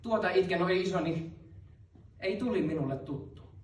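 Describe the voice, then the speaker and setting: A man's voice: high voice, pitched above the performer's own voice, lightly acted. A man chanting as a frightened young son. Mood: pleading. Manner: pleading, chanted verse. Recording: roomy hall, mic far off.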